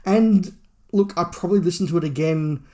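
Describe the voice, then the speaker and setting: Chatting casually on a podcast he co-hosts, a forties-aged Australian man offers his opinions. He speaks at a moderate pace in a high-sitting voice with a dark tone.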